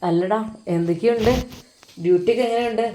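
A woman with a Malabar Malayalam accent voicing a young male friend who talks quickly and coaxingly. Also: medium pitch, background noise, natural voice. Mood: consoling. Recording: roomy echo.

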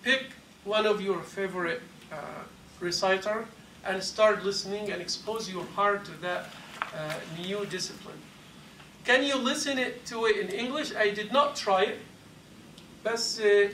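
A man with a high-pitched, fairly bright voice leads a class in an echoey, carpeted mosque hall, explaining carefully and responding to questions. The recording, from a lapel mic with a far camera, sounds distant and carries a faint hiss.

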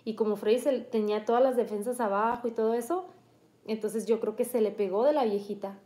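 A woman's voice: fairly high pitch, brisk, warm tone. A woman and mother earnestly recounting a family illness in a vivid personal story, often restarting her sentences.

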